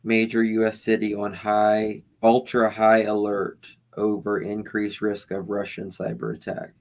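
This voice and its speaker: Gravelly, low-voiced man chatting casually. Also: completely flat delivery, a little slow. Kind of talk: casual chat with read-out headlines.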